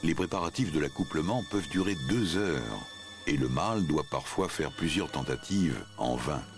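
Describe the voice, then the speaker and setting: Very deep, gravelly man narrating a nature documentary. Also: animated, normal speed, over music.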